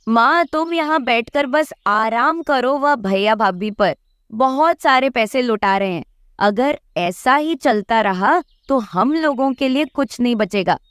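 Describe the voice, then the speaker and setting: A woman's voice: a little high, animated, unhurried, fairly bright tone, clear, resonant tone, no room sound, studio quality. A woman voicing a jealous, spiteful young sister-in-law bird in a cartoon, complaining in a whiny way.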